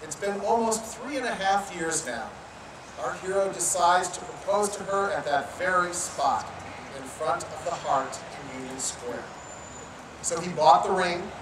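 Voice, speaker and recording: A wedding officiant telling a playful, teasing story about the couple during an outdoor ceremony. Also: mid-range voice. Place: outdoor public garden. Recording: echoey, distant outdoor sound with noise.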